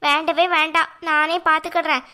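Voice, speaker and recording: A woman voicing a stubborn, sharp-tongued young cartoon sister-in-law, with a Kanyakumari Tamil accent. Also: sits high, level tone, a little fast. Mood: sarcastic. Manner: sarcastic, scolding.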